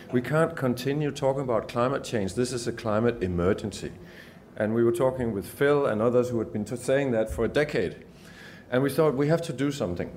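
A Danish journalist gives an earnest talk at a summit in a Danish accent, often restarting and repeating words. His voice is medium-pitched with a darkish tone, and there's a little hiss or hum.

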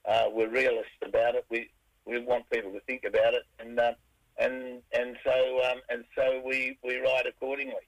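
A middle-aged Australian rock singer answers interview questions, rambling with plenty of fillers and restarts. His raspy voice is mid-range and level at a normal pace, and the audio quality is poor.

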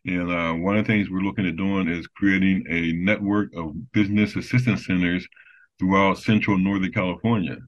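A man talking as an interview guest, speaking haltingly with many fillers and restarts. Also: sits low, steady tone. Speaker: business development guest. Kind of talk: casual interview talk. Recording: dull lo-fi sound.

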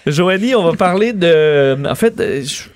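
Male radio host, relaxed and self-deprecating, slightly high voice. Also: measured pace. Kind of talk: casual radio chat.

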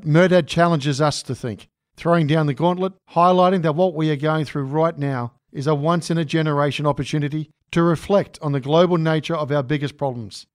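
A podcast host reads a scripted introduction and poses interview questions in a measured way. His voice is on the high side, and the recording is dry with clean studio sound.

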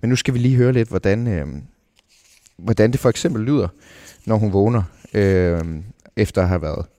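Low-voiced Danish man hosting an interview. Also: animated, warm tone, dry recording, studio quality. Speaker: radio host interviewing an author. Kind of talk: casual radio interview.

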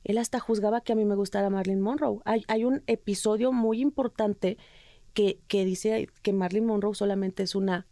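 A woman's voice: medium pitch, steady tone, moderate pace, mellow, no room sound, clean studio sound. A Mexican woman with a Mexican accent, an interview guest telling her story earnestly and emotionally, often restarting her sentences. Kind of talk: candid personal interview.

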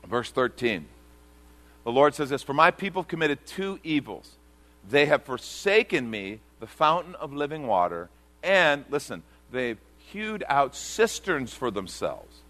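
A middle-aged male pastor preaching a sermon to a congregation, reading scripture aloud and swinging from emphatic to hushed. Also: medium pitch. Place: church sanctuary before a congregation.

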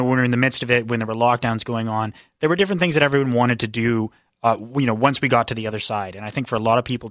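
A man, a political news reporter, explaining quickly on a radio show with many fillers. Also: mid-range voice, fairly bright tone, no room sound, studio quality. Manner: rapid explanatory, filler-heavy. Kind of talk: radio interview guest.

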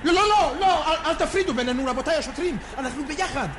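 A man's voice: high voice, very animated, background noise. An actor playing an anxious, earnest man who pleads and rambles with nervous laughs in a stage drama. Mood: urgent pleading. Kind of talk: theatrical drama acting.

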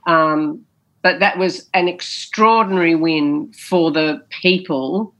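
This woman, once a politician, takes interview questions slowly in a steady, low-leaning voice with a bit of brightness. She answers like a storyteller, emphatic and theatrical, with plenty of repeated phrases and "you know."

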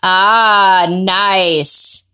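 A middle-aged woman hosting a podcast in loose, excitable casual chat, quick to laugh. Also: medium pitch, clear, resonant tone. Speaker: podcast host.

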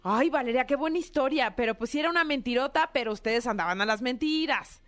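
A woman's voice: sits high, lively intonation, fast talker, a bit bright. A Mexican woman hosting a radio show, chatting in a playful, teasing way. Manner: playful, teasing, laughs often. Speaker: radio host. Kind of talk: casual radio chat.

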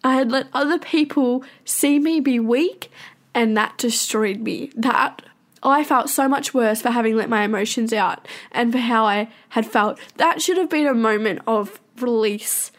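A young woman speaking candidly in a personal confessional monologue, swearing often and talking in fast bursts. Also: fairly high pitch.

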